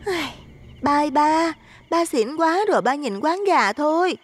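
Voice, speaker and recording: A woman's voice: high-pitched, lively intonation, measured pace. An actress playing a skeptical young daughter who mocks her father, with a Southern Vietnamese accent, in an audio drama. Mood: mocking. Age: young adult. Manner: mocking, scolding.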